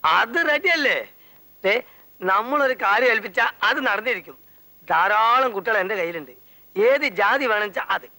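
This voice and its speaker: An actor playing a boastful, brazen matchmaker in a film comedy. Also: male voice, sits high, animated, moderate pace, sharp tone, no echo, full character voice, rough recording. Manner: boastful, blustering. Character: brazen, boastful man who arranges marriages. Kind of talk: 1990s film comedy dialogue.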